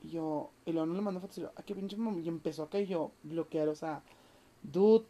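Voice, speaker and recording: Casting: woman podcast host, lowish mellow voice, easy chatty delivery. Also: fairly quick. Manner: relaxed, chatty, agreeing. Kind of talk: casual chat.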